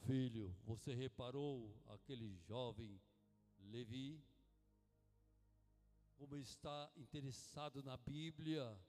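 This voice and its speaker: A man preaching voices God the Father on his throne, speaking slowly and weightily to his son, with music under a long hall echo. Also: mid-range voice, steady tone, a little mellow, pitched below the performer's own voice, close to an everyday voice. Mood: solemn. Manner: slow, weighty, paternal. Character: booming solemn male God the Father on a throne.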